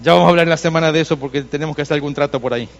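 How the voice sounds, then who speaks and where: A man's voice: a little high, racing, creaky, in a large hall. A male pastor preaching a sermon in a church, telling stories to the congregation and addressing them directly, with insistent repetition.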